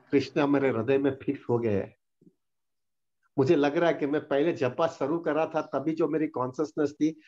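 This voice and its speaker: An earnest man answers devotional questions on a video call. His voice sits a little high, and the audio is dull and muffled. He mixes Hindi with English phrases and slows down deliberately to stress his points. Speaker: spiritual teacher answering questions. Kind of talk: devotional Q&A session.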